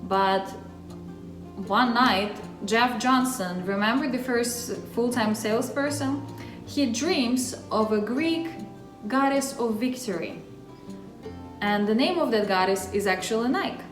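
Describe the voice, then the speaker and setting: A Russian woman with a Russian accent speaks slowly in a slightly high voice. Hosting her own channel, she explains a topic in a casual vlog, chatting in a friendly way straight to the viewer. The recording has a roomy echo and faint music in the background.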